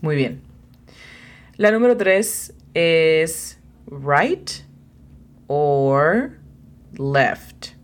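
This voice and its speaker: On this bilingual English lesson podcast, the teacher and host is a woman with a low, expressive voice who speaks extremely slowly with long pauses. She patiently explains beginner vocabulary, spells out words, and encourages her student.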